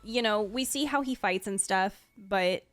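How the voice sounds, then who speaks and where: The recording has no room sound, and the woman's medium-pitched, fairly bright voice moves a little slowly. Hosting a ranking as a video host and streamer, she's casual and giggly, with gushing, enthusiastic reactions.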